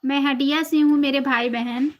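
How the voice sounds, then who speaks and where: A woman from Uttar Pradesh with an Awadhi-flavored Hindi accent, hosting a live stream and chatting casually with viewers, greeting them by name and softly repeating blessings. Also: high voice, fairly even intonation, moderate pace, muffled recording. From Uttar Pradesh, India. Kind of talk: casual live-stream chat reading comments.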